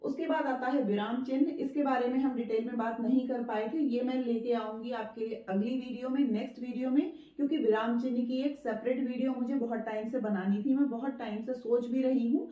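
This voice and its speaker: A woman's voice: fairly high pitch, fairly even intonation. Patient woman teaching in an echoey room. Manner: patient, repeats points and checks in with "ठीक है"; spells out words slowly syllable by syllable. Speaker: Hindi teacher. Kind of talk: spoken Hindi writing lesson. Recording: echoey room, dull lo-fi sound.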